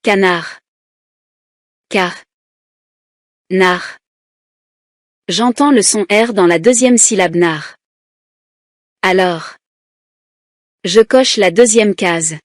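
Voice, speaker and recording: Woman teacher reading a kids lesson real slow, breaks words into syllables, dry close sound. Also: mid-range voice, no room sound. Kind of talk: reading a children's lesson aloud.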